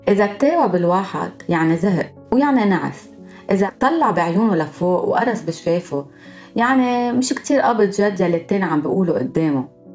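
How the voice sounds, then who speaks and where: Fast-talking Lebanese woman podcaster. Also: lowish voice, a little mellow. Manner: explanatory, listing examples one by one. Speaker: podcast host. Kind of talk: scripted podcast monologue.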